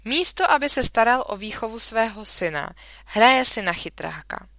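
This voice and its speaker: Woman doing a shrill scolding mother. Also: animated, a bit bright, no room sound. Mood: indignant.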